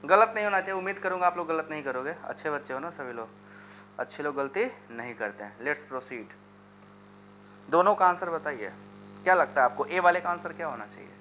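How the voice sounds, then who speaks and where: A man runs a live chemistry class, slipping into his talk and pushing students to answer in the comments. His voice is bright and a little high. The recording is dull and lo-fi, with a faint hum underneath. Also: a little fast. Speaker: chemistry teacher. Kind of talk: live online chemistry lesson.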